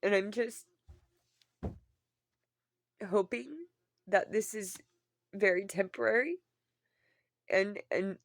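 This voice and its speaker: A woman who sounds upset and tearful, as after crying, talking earnestly and haltingly in a personal confession to viewers, often repeating herself. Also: mid-range voice, fairly even intonation, creaky, no echo, clean studio sound. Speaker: vlogger.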